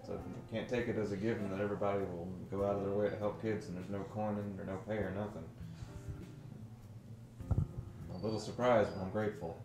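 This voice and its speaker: A man playing his character in a tabletop game, speaking in a halting drawl. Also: lowish voice, fairly even intonation, echoey room, music in the background, low-quality recording. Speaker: player. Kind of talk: in-character tabletop role-play.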